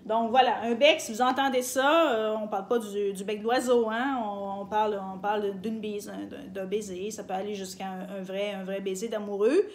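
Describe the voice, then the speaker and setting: A woman's voice: mid-range voice, steady tone, moderate pace, few pauses, slight background noise. Chatty Quebec woman teaching. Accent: Québécois French. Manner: chatty, many fillers, laughs easily. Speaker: language teacher on her channel. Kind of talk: casual video lesson.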